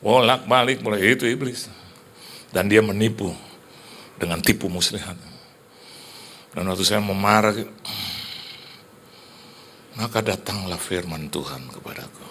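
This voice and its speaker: A middle-aged male pastor preaching in a church, telling stories in an animated, colloquial way. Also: fairly low pitch, measured pace, pauses often, a little hiss or hum. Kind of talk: sermon with storytelling.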